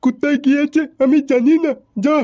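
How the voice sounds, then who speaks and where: A man's voice: very high voice, level tone, fairly quick, warm tone. A man voicing a cocky, rude young petty thief in a comic cartoon who brushes people off. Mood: brash. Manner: brash, dismissive. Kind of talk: cartoon voice acting. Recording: dull lo-fi recording.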